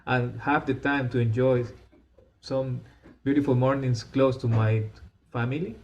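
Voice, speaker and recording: Male podcast host at home on a remote call, halting delivery, faint household noise behind. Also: medium pitch, steady tone, highs cut off. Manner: halting, restarts often, warm praise. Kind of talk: interview hosting. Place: home with family nearby. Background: faint household sounds.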